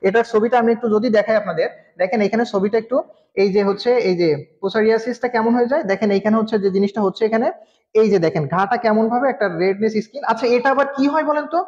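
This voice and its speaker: A man's voice: sits high, racing, darkish tone. A male tutor giving a live online class, explaining step by step and often asking his students questions. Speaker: nursing exam tutor. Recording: muffled, echoey room with long reverb.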